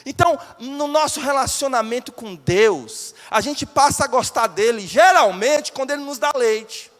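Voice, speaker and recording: A pastor preaching live, his high voice leaping around as he keeps questioning the congregation. The sermon rings with long reverb through a church hall. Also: normal speed. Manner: animated, questions the congregation directly.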